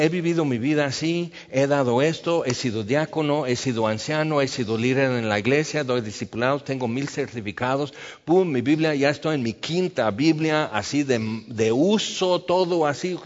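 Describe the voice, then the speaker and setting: Conversational preacher in a reverberant hall. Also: male voice, a little high, moderate pace. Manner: conversational, acts out quoted voices. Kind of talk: sermon. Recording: dull sound with long reverb.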